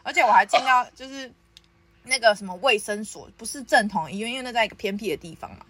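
Lively young woman storyteller. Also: a little high, fast talker, no echo. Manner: lively, laughs often while telling the story. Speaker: podcast host. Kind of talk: casual storytelling chat.

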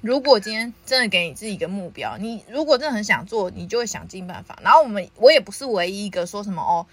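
A young woman, hosting a podcast and telling a personal story in casual chat, lively and often laughing. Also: mid-range voice, quick pace, slightly rough, no room sound. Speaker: podcast host.

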